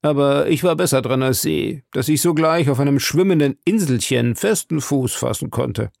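A man voicing a rough, sturdy male harpooner who talks in a plain, blunt way. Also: medium pitch, normal speed, darkish tone, dry recording, clean studio sound, pitched above the performer's own voice, natural voice. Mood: matter-of-fact.

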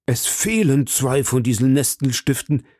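A man's voice: mid-range voice, animated, measured pace, darkish tone, no echo, clean studio sound. A man reading an audiobook, voicing a proud, agitated English duke who gives orders imperiously. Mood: commanding. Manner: commanding, imperious.

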